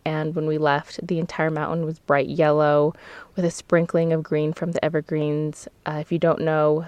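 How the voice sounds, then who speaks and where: A woman with a somewhat low voice chats through her podcast from inside a closet stuffed with clothes. The close mic and the padding leave the sound very dry and dead. She laughs easily and fixes her own slips as she goes. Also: a little mellow, dry recording. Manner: chatty, laughs often, corrects herself mid-sentence. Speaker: podcast host. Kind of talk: casual seasonal podcast chat. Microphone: close microphone.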